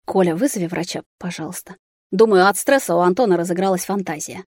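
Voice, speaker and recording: A woman's voice: fairly low pitch, fast, darkish tone, dry recording, studio quality, lightly acted. A woman reading an audiobook, voicing a dramatic, tearful middle-aged mother who exclaims in offense. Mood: plaintive, indignant. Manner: exclaiming, plaintive.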